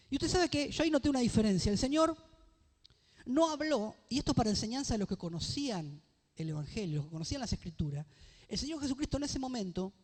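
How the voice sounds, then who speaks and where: High-voiced preaching man in echoing church. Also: darkish tone. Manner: preaching, with rising emphatic phrases and call-and-response questions; reads scripture aloud slowly. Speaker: pastor. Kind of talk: sermon.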